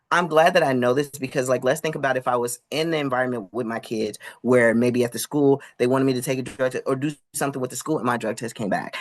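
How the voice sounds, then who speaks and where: A woman speaking as a panelist, telling personal stories in an emphatic, animated way with many "you know"s. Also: a bass voice.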